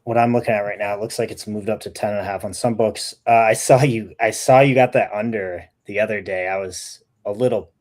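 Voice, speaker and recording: A man's voice: on the low side, steady tone, fairly quick, hardly any pauses, a little mellow. A man co-hosting a betting show, thinking aloud while he checks stats. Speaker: sports betting show co-host. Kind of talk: casual betting talk.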